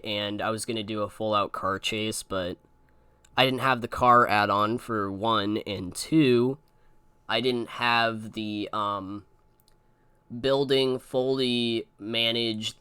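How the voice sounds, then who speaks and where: Bright, crisp young man rambling commentary. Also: on the low side, no echo. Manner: rambling, many fillers and asides. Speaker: host. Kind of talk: casual re-watch commentary.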